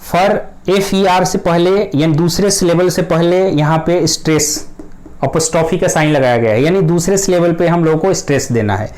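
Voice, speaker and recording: Man, grammar teacher, patient explanatory lesson, repeats key points, slightly high pitch. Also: moderate pace, darkish tone.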